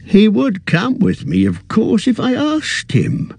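Fussy old hobbit voiced by a male narrator, high and quavering, husky edge, dry close sound. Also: wildly swooping pitch, slow, a little mellow, no room sound, heavily acted. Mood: fond. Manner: high quavering, petulant and defensive. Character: fussy elderly male hobbit, turning possessive.

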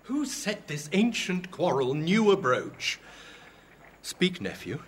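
An actor playing an older male nobleman gravely questioning his nephew, in Shakespearean stage acting. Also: sits high, very animated, slow pace, full character voice.

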